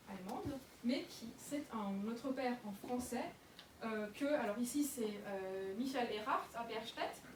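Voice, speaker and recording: A young woman giving a public lecture in a museum, talking with many fillers and restarts. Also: fairly high pitch. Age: young adult. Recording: echoey room, mic far off, noisy.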